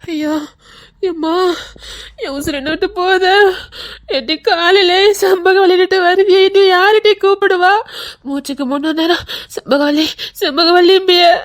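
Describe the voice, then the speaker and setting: A woman's voice: very high-pitched, steady tone, measured pace. A woman with a Tirunelveli Tamil accent playing a middle-aged woman who cries and wails melodramatically in a comic skit. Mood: wailing. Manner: melodramatic wailing lament. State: crying. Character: middle-aged woman wailing over her departing friend.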